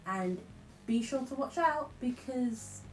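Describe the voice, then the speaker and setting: A woman's voice: sits high, expressive, slow pace, reverberant, soft background music, rough recording. A woman musician with a slight lisp, chatting casually to camera in a frank, self-deprecating way and swearing freely. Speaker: musician vlogger.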